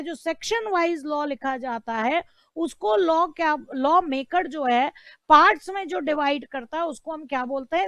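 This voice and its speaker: A woman's voice: high voice, dry recording. A woman teaching an online law lecture, asking rhetorical questions and repeating key terms.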